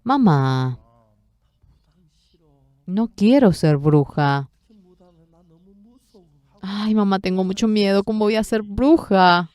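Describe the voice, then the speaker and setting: A woman's voice: medium pitch, slow pace, long pauses, darkish tone, dry recording, lightly acted. A woman voicing a frightened young girl. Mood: scared. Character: frightened teenage girl pleading with her mother.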